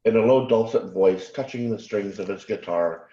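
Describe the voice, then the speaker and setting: A man with a lowish voice reads a novel aloud in a halting way and corrects his own slips. The sound is roomy and muffled, from off mic. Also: mellow. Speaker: class participant reading aloud.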